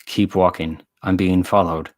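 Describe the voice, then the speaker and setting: A man voicing a tense stranger who speaks in clipped, hushed, urgent tones. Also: low voice, little pitch movement, measured pace, dry recording, studio quality.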